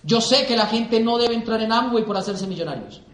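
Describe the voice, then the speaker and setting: Animated high-voiced Colombian speaker. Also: male voice, a little fast, echoey room. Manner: animated storytelling, acts out dialogue. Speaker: motivational speaker. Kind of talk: motivational talk to an audience.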